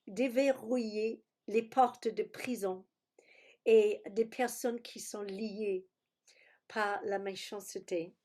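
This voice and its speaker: Woman preacher on a video call, talks slow, bit of a high voice, gropes for words, says alleluia a lot. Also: darkish tone. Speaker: pastor. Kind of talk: sermon teaching over video call.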